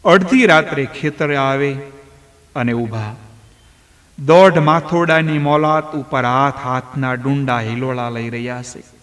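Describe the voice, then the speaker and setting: A man telling a devotional folk story in a slow, measured storytelling manner. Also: medium pitch, a bit bright. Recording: long hall reverb.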